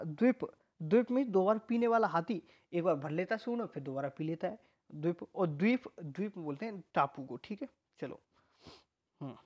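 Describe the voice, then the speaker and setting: A male Hindi grammar teacher speaks with a Rajasthani accent, leading an informal exam-prep class. He keeps repeating each word several times and breaks off now and then to chat with his students. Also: sits high. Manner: repeats words many times, chatty asides to students. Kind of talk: casual online exam-prep lesson.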